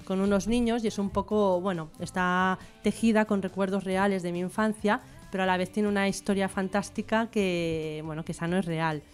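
A middle-aged guest writer from Barcelona, bilingual in Catalan and Spanish and carrying a Barcelona accent, chats about her writing in an informal interview. Her medium-pitched voice holds a steady tone at normal speed with few pauses, over soft background music.

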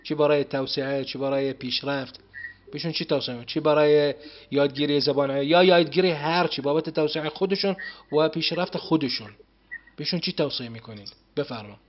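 A man hosting an interview as a language teacher, encouraging his guest with quick affirmations. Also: fairly high pitch, dull audio. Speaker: Arabic teacher and host. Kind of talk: casual interview.

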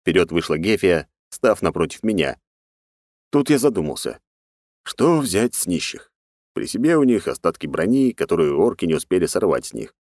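A man narrating a first-person fantasy audiobook in a sardonic, rough-edged, casually swearing manner. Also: sits low, sing-song, moderate pace, a little mellow, no room sound, studio quality.

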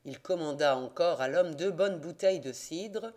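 A man narrating a classic detective novel as an audiobook, in a measured, expressive reading. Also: a little high. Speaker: audiobook reader.

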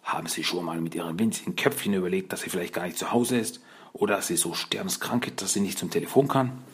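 A man voicing a cheeky, sharp-tongued young female receptionist in an audiobook, talking in a raised, sarcastic way. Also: sits low, fast, husky. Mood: snippy.

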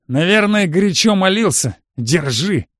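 Need: male narrator putting on a leering, mocking soldier thug, voice pushed higher, dry close sound. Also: animated, a little slow, a bit bright, dry recording. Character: brutal sneering male American soldier, bully.

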